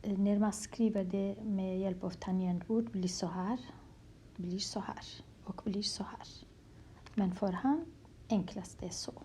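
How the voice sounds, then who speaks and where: Woman, letter lesson, slow patient repeats, half-whispered, mellow voice, faint hiss. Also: mid-range voice, fairly even intonation. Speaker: language teacher. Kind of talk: handwriting lesson in Kurdish letters, explained in Swedish.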